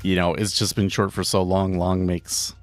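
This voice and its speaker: A man hosting a live day trading stream from his home office, talking casually and haltingly, often repeating words. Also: low-pitched, level tone. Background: faint background music.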